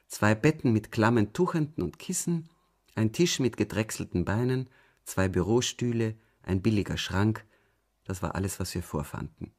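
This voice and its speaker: Calm, low-voiced male audiobook narrator. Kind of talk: scripted narration.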